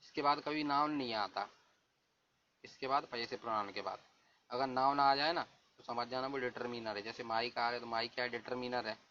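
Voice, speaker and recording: A man teaching English grammar in Hindi, reading English rules out slowly and asking and answering his own questions. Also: mid-range voice, fairly even intonation, sharp tone. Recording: dull lo-fi recording with faint hiss.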